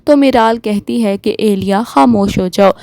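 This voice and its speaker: A woman hosting a drama review channel, retelling an episode's plot in a steady, flowing storytelling manner. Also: mid-range voice, creaky, no room sound.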